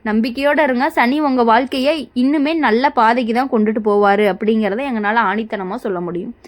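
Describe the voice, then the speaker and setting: A woman's voice: fairly high pitch, fairly even intonation, fairly quick. A woman presenting a horoscope in a reassuring, scripted way, speaking straight to the listener. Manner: reassuring, repetitive, direct address to listener. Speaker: astrology presenter.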